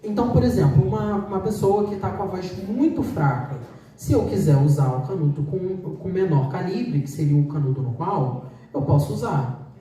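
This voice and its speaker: A woman speech therapist talks a choir through voice exercises in a relaxed, practical, explanatory way. Her voice is dark and mellow and sits a little low. It comes from across a very echoey room. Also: normal speed, recorded from a distance. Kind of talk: informal talk to a choir.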